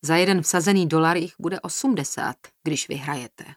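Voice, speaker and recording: A smirking young man, casual and teasing, as a female narrator reads him. The reading is lowish and dry. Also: no echo. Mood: mocking. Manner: amused, mocking.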